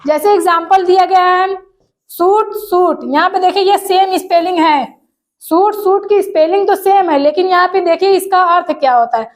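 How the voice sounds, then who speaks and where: A woman teacher explaining an exam-prep lesson step by step, repeating key terms and asking rhetorical questions, and reading definitions aloud slowly. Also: extremely high pitch.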